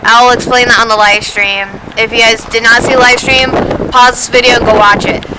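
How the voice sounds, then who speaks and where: Young woman vlogger from massachusetts, cold, rambling and apologetic, a bit high voice, loud wind roaring over the mic. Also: steady tone, fairly quick. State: cold and low on energy. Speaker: cemetery explorer vlogger. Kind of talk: casual outdoor vlog. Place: windy outdoor cemetery. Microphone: camera held by another person. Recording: heavy wind noise on mic.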